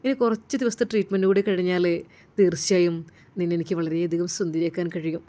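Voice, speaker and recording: A woman voicing a sweet-talking, scheming male doctor who speaks to his wife in a low, coaxing way. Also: steady tone, quick pace, warm tone, lightly acted. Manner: coaxing, turning menacing.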